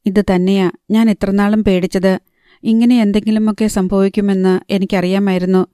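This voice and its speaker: A woman's voice: mid-range voice, flat delivery, moderate pace, dark tone, clear, resonant tone, no echo, studio quality, close to an everyday voice. A woman reading a young woman in love, anxious and pleading, in an audiobook. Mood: fearful. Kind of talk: audiobook narration.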